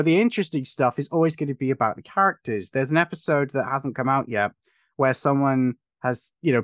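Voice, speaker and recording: A man's voice: medium pitch, no echo, clean studio sound. A man hosting a podcast, giving long, emphatic, opinionated explanations in casual chat. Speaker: podcast host.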